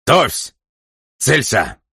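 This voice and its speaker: A man reading an audiobook voices a furious, ruthless male leader who barks orders in a raised, sharp voice. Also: a bass voice, brisk, slightly rough, no room sound, studio quality.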